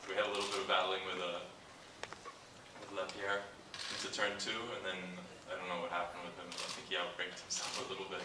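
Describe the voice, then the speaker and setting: Low, flat-voiced racing driver. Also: male voice, roomy sound, far from the mic, noisy background. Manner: modest, measured recounting with halting restarts. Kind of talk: press conference answers. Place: press conference room.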